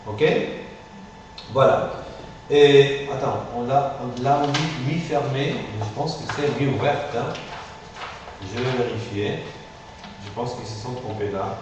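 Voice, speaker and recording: A male phonetics teacher runs a classroom pronunciation lesson, patiently drilling sounds slowly with many repetitions. His voice is mid-range and a little mellow. He's far from the mic in an echoey room, with faint hiss.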